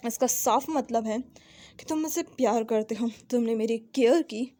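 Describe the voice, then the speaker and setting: A woman storyteller doing a composed male professor. He speaks quietly and deliberately, teasing with a gentle, unhurried calm, in a voice that stays fairly high. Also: close to an everyday voice. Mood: tender. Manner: soft, measured, teasing.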